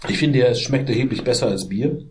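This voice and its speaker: A man's voice: medium pitch, darkish tone, a little hiss or hum. A man from Bavaria, a guest in a casual podcast chat, telling stories with dry jokes. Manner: dry joking, slow storytelling.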